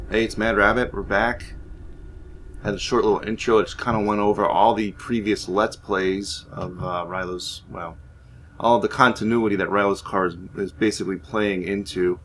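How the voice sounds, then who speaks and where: A man hosting a gaming series talks informally in a low voice with a fairly bright tone, with slight background noise. He explains his roleplay playthrough and narrates its story as let's play commentary.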